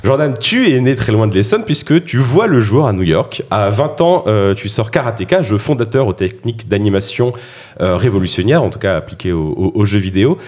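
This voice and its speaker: A man hosting a podcast, reading a scripted introduction of his guests in a brisk manner, with self-mocking asides. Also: on the low side, expressive, a little mellow. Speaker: podcast host. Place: studio or room around a table.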